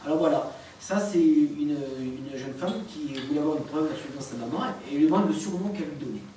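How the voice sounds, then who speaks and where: A man giving a public talk and playing recordings, speaking haltingly with many fillers and restarts. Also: on the high side, animated, mellow, slight background noise. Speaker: lecturer. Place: lecture room. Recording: echoey hall recorded from far off.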